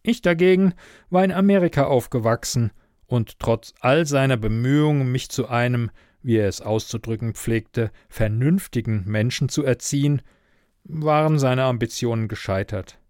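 A man reads a first-person story aloud in a wry, even manner. His voice sits at a middle pitch and sounds close and dry, with no room echo. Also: moderate pace. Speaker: audiobook narrator. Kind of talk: scripted first-person narration.

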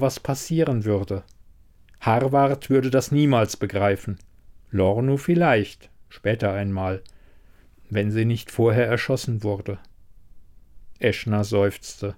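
A man narrating a fantasy story in an unhurried, steady manner. His voice sits at an average pitch and he takes his time over each sentence. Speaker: audiobook narrator. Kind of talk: scripted narration.

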